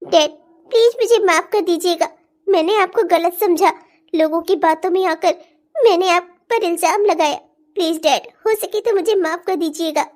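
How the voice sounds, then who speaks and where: A woman's voice: very high voice, normal speed. A woman voicing a proud rich young daughter in a cartoon, brooding and questioning herself. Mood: apologetic. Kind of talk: cartoon voice acting.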